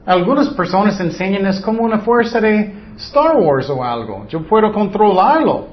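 A man's voice: high-pitched, sing-song, moderate pace. A man preaching a Bible lesson, arguing his point with rhetorical questions and mocking quotes of what others say. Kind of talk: Bible teaching. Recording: slightly dull lo-fi sound.

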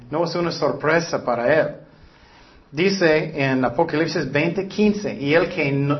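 Male preacher; earnest sermon with rhetorical questions, slightly raised pitch, dull lo-fi recording.

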